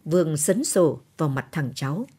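A woman reading a short story for late-night radio, with lively expression. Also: sits low, normal speed, breathy edge. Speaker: story reader.

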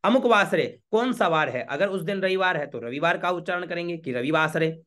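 A man, a priest teaching a home worship ritual step by step, chanting Sanskrit lines slowly and checking with the listener often. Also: a little high, animated, a bit bright. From Rajasthan, India. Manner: patient, repeats checks like "okay?".

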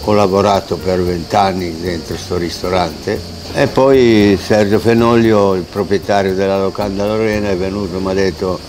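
A man's voice: sits low, steady tone, moderate pace, darkish tone, a little hiss or hum. A man in his eighties, a restaurant owner and chef, talking proudly and unhurriedly about his life in an interview on an outdoor terrace, with restarts. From Italy. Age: 80s. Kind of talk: interview, reminiscing. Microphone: lapel mic. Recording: music playing under the voice.

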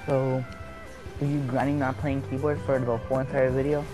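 A man's voice: mid-range voice, level tone, a little fast, music in the background, rough recording. A man casually bossing a friend around during a game, teasing and giving orders over a voice call. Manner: bossy, teasing.

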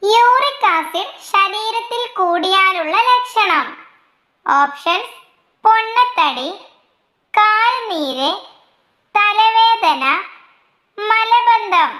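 A woman reading out quiz questions, their options and the answers in a slow, measured way, dropping her pitch for each list of options. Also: expressive, bright, forceful tone, echoey room. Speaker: quiz reader.

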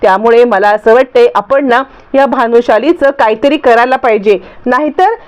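A woman's voice: fairly high pitch, normal speed, lightly acted. A woman reading the lines of a scheming, bossy middle-aged aunt who scolds sharply. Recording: dull lo-fi recording.

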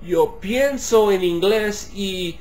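A musicology professor in his thirties, a native English speaker, is interviewed casually on camera in halting Spanish and English, full of fillers and restarts. His voice sits high with a darkish tone, and he gestures animatedly while talking. A webcam at desk distance records him in his home kitchen.

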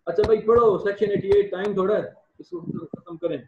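A man's voice: high voice, fairly quick. A man teaching an online law class, repeating himself, with his voice breaking up over a bad connection. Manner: repeats himself, addresses students as child. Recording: tinny echoey video call with faint noise.

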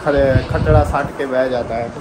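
A man's voice: medium pitch, normal speed. A young man chatting casually on a family vlog, filming himself with a phone at arm's length in a small room of a village house. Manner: lively, talks sing-song baby talk to a toddler. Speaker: vlogger. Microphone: phone camera held at arm's length. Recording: noisy home phone recording.

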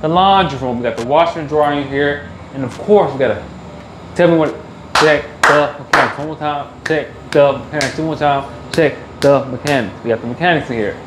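Over heavy background noise, a man with a higher-pitched voice talks fairly quickly while showing off empty rooms in a house tour vlog. The realtor and flipper keeps it upbeat and casual, repeating his catchphrases.

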